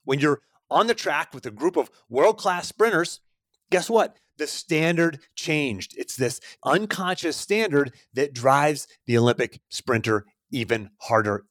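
A Pittsburgh podcast host in his forties delivers an earnest motivational monologue, coaching and speaking directly to the listener. His voice is on the high side with lively intonation and a measured pace, recorded at studio quality with no echo.

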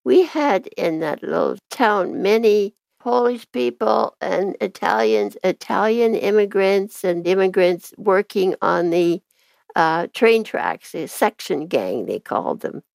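A woman's voice: mid-range voice, expressive, slow, vocal fry, a little mellow, no room sound. An older woman reminiscing plainly in an interview. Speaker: interviewee recalling town life.

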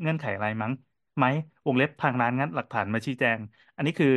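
A man co-hosting a casual podcast, telling cafe stories in a quick, animated way with lots of fillers. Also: mid-range voice, dry recording, clean studio sound. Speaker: podcast co-host and cafe owner.

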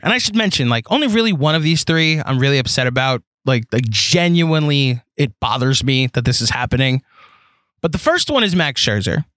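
Animated young man, dry close sound. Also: on the high side, no room sound. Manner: animated, rambling, frequent "like" fillers and restarts. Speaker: podcast host. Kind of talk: solo sports podcast monologue.

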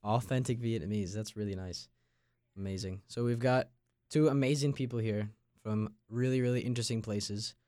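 This young podcast host, a Long Island, New York native in his late teens, moves from a scripted opening into a relaxed conversational interview with guests. His lowish voice is slightly mellow, recorded with clean studio sound and no room sound.

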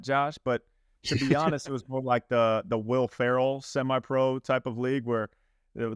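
A man in his thirties, from Iowa, telling his story as a podcast guest in an animated, self-deprecating way. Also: medium pitch, smooth, no room sound, studio quality. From Iowa, USA. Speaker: podcast guest, mindset coach. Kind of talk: conversational storytelling.

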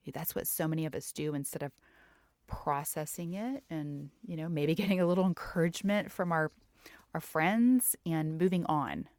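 Middle-aged woman, podcast host, low voice, dry booth sound, candid reflective chat. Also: moderate pace, a little mellow, no echo. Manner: candid, reflective, conversational with fillers. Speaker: podcast host and health coach. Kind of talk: personal faith-based podcast talk.

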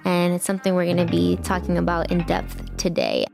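A young woman hosting a podcast, chatting casually and gushing with warmth, slipping in Spanish phrases. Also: on the low side, huge pitch swings, a little fast, creaky, music in the background. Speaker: podcast host. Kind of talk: casual chat.

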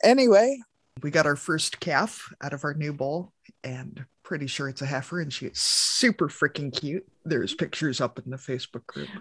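A woman's voice: deep voice, animated, normal speed, slightly rough, no echo. A woman co-hosting a podcast, chatting bluntly and offhandedly from outdoors in a farm yard. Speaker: podcast co-host, sheep farmer. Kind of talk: casual chat.

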